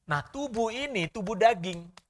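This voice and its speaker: A man preaching a sermon as pastor, swinging between loud bursts and soft asides and questioning the congregation directly. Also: high voice, animated, unhurried.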